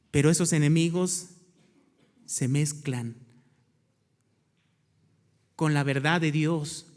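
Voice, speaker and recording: A male pastor preaching a sermon, reading scripture aloud and asking his congregation questions he then answers himself. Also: sits high. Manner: reads scripture aloud between explanations. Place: church. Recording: hall reverb from a church.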